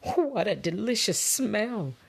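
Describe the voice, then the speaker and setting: A woman's voice: medium pitch, big pitch swings, takes it slowly, gravelly, husky, pitched above the performer's own voice, exaggerated voice. A woman voicing a friendly female deer neighbor who speaks admiringly, in a read-aloud storybook. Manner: warmly admiring.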